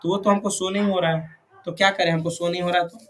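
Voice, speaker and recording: A man's voice: high-pitched, level tone, quick pace, fairly bright tone, a little hiss or hum. A man teaching a classroom lesson, constantly checking whether students follow. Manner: checks understanding with frequent questions. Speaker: computer course teacher. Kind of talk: live classroom instruction.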